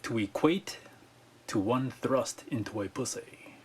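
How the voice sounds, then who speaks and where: A man's voice: mid-range voice, unhurried, very noisy. A man from Canada leaving a casual, rambling voicemail for a show, played back on air. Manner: casual, rambling question with fillers. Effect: played back voicemail message. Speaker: caller.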